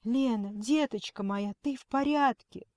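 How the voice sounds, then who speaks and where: A woman plays a frantic but stubborn middle-aged mother arguing with a kidnapper, frightened yet firm and agitated. Her voice sits on the high side and is pushed up though close to everyday, a little slow and a little mellow, in clean studio sound with no room ambience.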